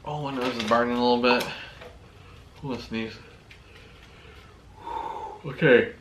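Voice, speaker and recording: A man's voice: mid-range voice, fairly even intonation, unhurried, reverberant, noisy background. Chatty man unboxing fishing tackle. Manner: enthusiastic, repeats "really, really". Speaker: fishing channel host.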